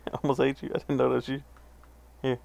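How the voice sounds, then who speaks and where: A woman's voice: very deep voice, flat delivery, moderate pace, gravelly, background noise. A woman streaming an online game with a friend, laughing a lot and swearing freely in casual chat. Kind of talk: casual chat while gaming.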